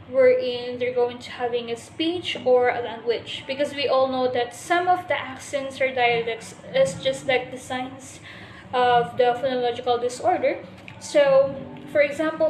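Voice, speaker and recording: In a roomy, echoing recording with a little hiss or hum, a high-voiced woman presents to her class as a student. She works through the material step by step, pausing frequently and starting her sentences over.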